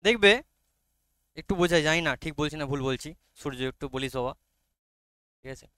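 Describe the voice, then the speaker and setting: Bengali-accented male teacher, bright crisp tone, coaxing and patient, reads English lines slowly. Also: fairly high pitch, no room sound. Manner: coaxing, checks often if students follow. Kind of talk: explaining a literature lesson to students.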